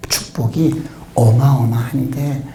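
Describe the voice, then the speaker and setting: A man preaching a revival sermon, telling his testimony with emotion and often dropping to a hushed whisper. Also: medium pitch, takes it slowly. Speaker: pastor.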